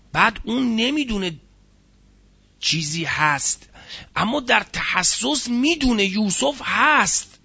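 Lo-fi sound carries a high-pitched, creaky, breathy voice that is pushed and bright. The religious teacher breaks down Quranic words one at a time, stressing key terms and putting rhetorical questions to his listeners.

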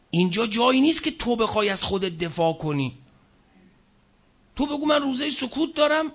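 A man with a high-pitched, gravelly voice gives a scripture lecture, slowing down to recite verses before explaining them. His tone is bright and a little husky, and he often asks the audience a question and then answers it. The recording sounds muffled and lo-fi. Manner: recites Arabic verses slowly, then explains in plain speech. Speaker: preacher. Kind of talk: Quranic exegesis lecture.

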